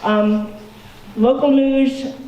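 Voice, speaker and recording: A woman's voice: high voice, fairly even intonation, very slow, warm tone, far from the mic, highs cut off. A woman hosting a club meeting, chatty and upbeat, with frequent ums as she thanks people and makes announcements. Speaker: branch meeting host. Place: meeting hall with audience. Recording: echoey hall, recorded from afar, audience noise.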